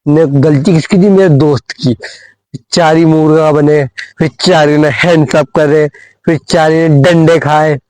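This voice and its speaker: A man's voice: on the high side, steady tone, a little slow, a little mellow, no room sound, poor audio. A young man telling a school story on a phone in a casual comic vlog, rambling with many fillers and repeated phrases. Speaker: vlogger.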